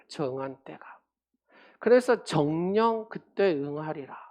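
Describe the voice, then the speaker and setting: A woman's voice: mid-range voice, darkish tone. A woman pastor delivering a sermon, pressing the congregation with emphatic rhetorical questions and dropping her voice at the ends of points.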